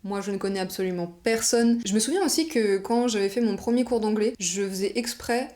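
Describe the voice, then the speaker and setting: Young Frenchwoman vlogger, chatty storytelling, mid pitch, casual filler-heavy delivery. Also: brisk, dark tone. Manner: chatty, conversational, frequent fillers like genre and bah.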